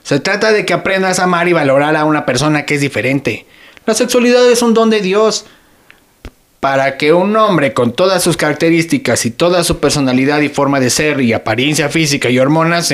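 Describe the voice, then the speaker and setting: A man's voice: a little high, a little fast, natural voice. An actor playing a hungry, teasing father who jokes while trying to comfort his daughter, speaking with a Mexican Spanish accent. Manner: joking, exaggerated whining. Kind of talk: sketch acting.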